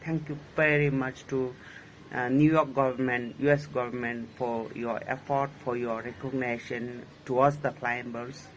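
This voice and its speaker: A man's voice: mid-range voice, little pitch movement, moderate pace, a little hiss or hum, low-quality recording. A man giving an enthusiastic video greeting, repeating himself with many fillers. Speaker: well-wisher sending a video message.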